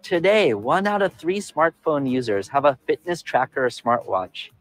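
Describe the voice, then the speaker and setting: A man in his forties delivering a scripted tech keynote presentation outdoors on a city rooftop, upbeat and measured. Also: fairly high pitch, big pitch swings, faint music behind.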